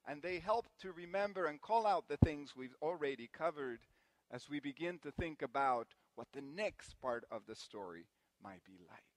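A man from Guatemala giving a sermon in a church, telling family anecdotes with gentle self-deprecating humor. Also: fairly high pitch, no echo. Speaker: preacher. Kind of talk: sermon with personal storytelling.

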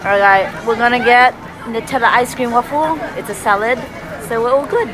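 A bubbly, excitable young woman chats to her phone camera in a casual vlog. Her voice sits a touch high. Loud music and a bustling crowd fill the background. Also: normal speed, poor audio. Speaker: vlogger. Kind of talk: casual travel vlog chat.

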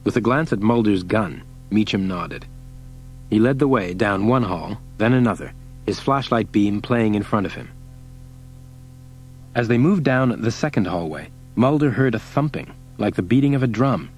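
A man reads an audiobook as its narrator, in a steady and measured way. His voice sits fairly low. Faint music plays under his reading. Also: rough recording. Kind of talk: scripted narration.

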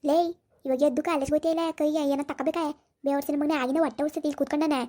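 A woman doing a fierce village mother in a comedy skit, high-pitched and rattling off scoldings at speed. Her voice is dark in tone and full of sharp rebukes. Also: steady tone, lightly acted. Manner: scolding, shouting insults, rapid-fire.

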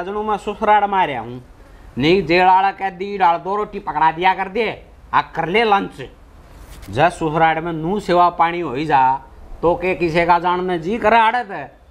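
A man's voice: high voice, a little slow. A man with a Haryanvi accent playing a brazen drunken village son-in-law in a comedy skit, rambling argumentatively like a town drunk. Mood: smug, stubborn. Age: young adult. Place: open concrete house courtyard, outdoors.

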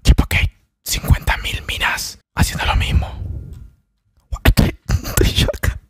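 A man with an Argentine accent, streaming in a joking whispered ASMR style into a desk microphone. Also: normal speed. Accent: Argentine Spanish. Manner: joking, breaks into playful outbursts.

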